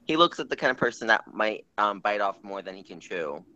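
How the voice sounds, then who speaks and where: A man's voice: lowish voice, very animated, a little fast, bright, forceful tone, no room sound. A young man in casual group chat on a call, talking animatedly and coughing between thoughts. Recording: dull lo-fi voice call.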